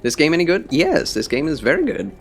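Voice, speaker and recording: A man's voice: a little high, huge pitch swings, a little fast, gravelly. A man with a scratchy, phlegmy voice, tired and under the weather, chatting casually as he streams a game and talks to viewers in a rambling way. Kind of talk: casual livestream chat with game commentary.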